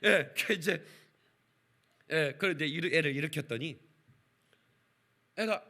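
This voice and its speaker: A man preaching a lively sermon as a pastor, telling a personal story and drawing responses from the congregation. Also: on the high side, a little slow. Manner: animated, calls for congregation responses, acts out quotes. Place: church service.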